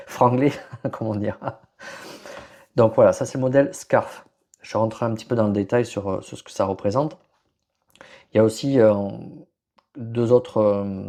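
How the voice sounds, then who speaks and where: Male podcast host, low-pitched, mellow tone, hesitant explanatory delivery. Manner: many fillers and restarts, searching for words. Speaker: podcast host presenting on leadership. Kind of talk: hesitant solo explanatory talk.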